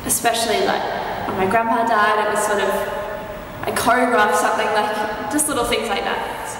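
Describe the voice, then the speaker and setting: A woman's voice: fairly high pitch, fairly even intonation, moderate pace, a bit bright, a little hiss or hum. A nineteen-year-old Australian woman, a dance student speaking openly and a little hesitantly. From Bega, New South Wales. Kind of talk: candid interview answers. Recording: echoey hall recorded from a distance.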